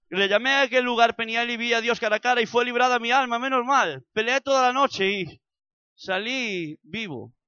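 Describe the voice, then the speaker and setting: A man's voice: very high-pitched, bright, forceful tone, no echo, muffled recording. A man from preaching a sermon, acting out the scripture with vivid sound effects.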